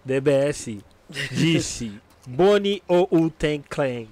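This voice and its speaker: A man's voice: on the high side, lively intonation, very slow, darkish tone. A man with a Brazilian Portuguese accent hosting a casual podcast chat in slangy speech, often repeating short affirmations. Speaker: podcast host.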